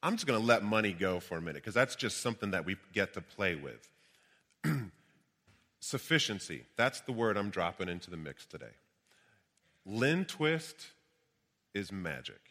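A man's voice: fairly low pitch, big pitch swings, moderate pace, pauses often, sharp tone. A man preaching as a minister in an emphatic, exuberant motivational speaking style. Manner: emphatic, exuberant projected delivery. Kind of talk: motivational sermon with call-and-response affirmations. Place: large reverberant room, addressing a gathering. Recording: reverberant hall sound.

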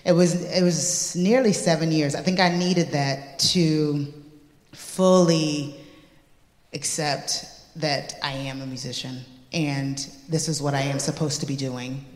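A woman singer answering questions in a live on-stage interview, telling her story in an animated, reflective way. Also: low-pitched, slow pace. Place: large hall before a live audience. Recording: echoey hall with long reverb.

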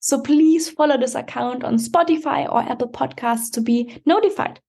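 A woman's voice: sits high, moderate pace, vocal fry, a little mellow, slightly rough. A woman hosting a motivational podcast, speaking straight to the listener in an emphatic, encouraging coaching style. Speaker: podcast host and empowerment coach.

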